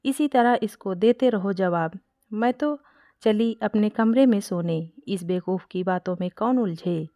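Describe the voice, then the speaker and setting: A woman's voice: mid-range voice, unhurried, mellow, no room sound, clean studio sound, lightly acted. A woman voicing a weary, scolding older mother-in-law in a read-aloud family story. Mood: exasperated. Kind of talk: storybook character reading.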